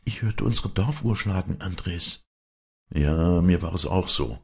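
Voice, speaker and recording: A man voicing an earnest young village woman in a fairy-tale reading, speaking gently. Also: low-pitched, unhurried, vocal fry, husky, full character voice.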